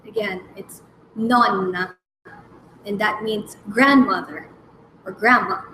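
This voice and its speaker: A woman hosting a language lesson, slowly naming each letter and repeating example words with care. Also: medium pitch, sharp tone, a little hiss or hum. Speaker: language segment host. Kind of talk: slow, careful alphabet lesson. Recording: echoey room with faint background ambience.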